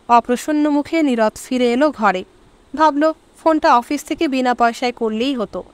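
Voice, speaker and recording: A woman narrating a short story for an audiobook in an expressive reading style. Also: high-pitched. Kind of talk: scripted narration.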